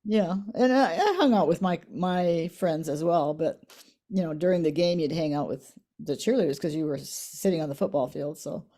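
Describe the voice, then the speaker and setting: A woman in her eighties, reminiscing in a casual family interview, soft-spoken, her voice trailing off quietly at the ends of lines. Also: low voice, normal speed. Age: 80s. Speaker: interviewee, the mother.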